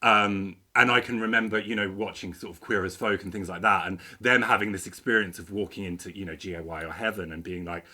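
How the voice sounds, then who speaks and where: A man's voice: low-pitched, steady tone, fairly quick, hardly any pauses, pushed and bright. A man, co-hosting a podcast and talking candidly about his past, with frequent hesitations. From East London, England. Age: late 30s. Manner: candid, reflective, hesitant with many fillers. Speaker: podcast co-host. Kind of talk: casual chat.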